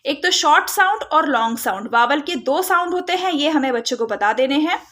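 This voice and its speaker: A woman giving a phonics lesson for parents, modelling letter sounds slowly and mixing in English terms. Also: high-pitched, animated, fairly bright tone. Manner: mixes Hindi with English terms. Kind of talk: instructional tutorial.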